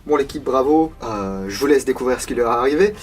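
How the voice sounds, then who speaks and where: A man's voice: mid-range voice, lively intonation, fast, husky. A man hosting his own video, reviewing a collectible replica in a casual, unscripted way, chatting with many hesitation fillers and self-deprecating asides.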